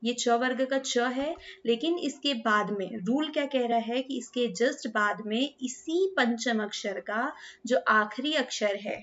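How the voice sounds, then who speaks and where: Higher-voiced woman teaching Hindi grammar. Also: unhurried, a bit bright, dull audio. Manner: checks understanding with repeated "clear?" and "ठीक है"; mixes English words into Hindi explanation. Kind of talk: classroom explanation.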